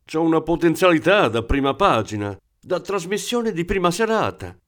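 A man's voice: medium pitch, very animated, moderate pace, voice pushed up, close to an everyday voice. A man voicing a crude, hot-tempered male thief from the Rimini area who blusters and swears. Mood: indignant. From Rimini area, Italy. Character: crude excitable small-time male thief.

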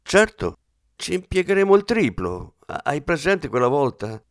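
A man reading an audiobook, voicing a brisk, teasing woman who talks in a matter-of-fact way. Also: a little high, sing-song, no echo, clean studio sound, pitched above the performer's own voice. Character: middle-aged woman, brisk and teasing partner. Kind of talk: audiobook character voice.

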